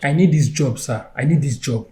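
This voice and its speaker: A man's voice: medium pitch, normal speed, a crowd in the background. A Nigerian man playing a desperate job seeker in a comedy skit, pleading and repeating himself.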